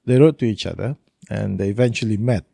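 Brief: man, 60s, from Brunei, guest, low husky gravelly voice, dry close sound, rambling storyteller. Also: fast talker, mellow, no room sound. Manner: rambling, storytelling with laughs and restarts. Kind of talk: casual interview chat.

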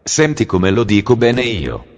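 A man voicing a male train station announcer who speaks in a slow, formal announcing style, like over a station loudspeaker. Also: lowish voice, sing-song, creaky, pitched below the performer's own voice, heavily acted. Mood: boastful. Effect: station loudspeaker announcement with long echo. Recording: long echoing hall reverb.

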